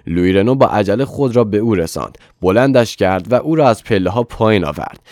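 A male narrator reads a novel aloud in a steady, even storytelling manner. His voice sits low and the recording is dry and close. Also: no echo. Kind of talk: scripted audiobook narration.

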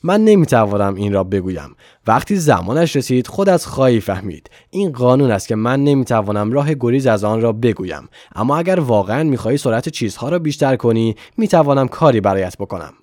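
A man voicing an old, mysterious, wealthy man who speaks slowly and solemnly. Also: medium pitch, big pitch swings, darkish tone, no echo, studio quality, natural voice. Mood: knowing.

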